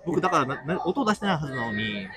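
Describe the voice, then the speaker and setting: Fast rambling man in a busy street. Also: a little high, big pitch swings, a crowd in the background. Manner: rambling, full of fillers. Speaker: interviewee on the street. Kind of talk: street interview answer.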